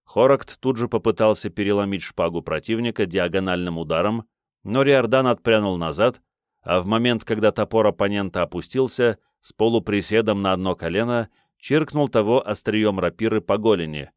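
A man reading a fantasy audiobook in a steady, measured manner. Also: on the low side, clean tone, no room sound, clean studio sound. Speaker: narrator. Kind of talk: audiobook narration.

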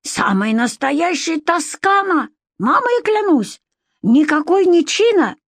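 Abdurakhman, a squeaky excitable shopkeeper, as a woman puts him on. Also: slow, no room sound, clean studio sound, full character voice. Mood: excited, pleading. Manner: high, squealing, broken grammar. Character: excitable male shopkeeper with broken speech, thin voice.

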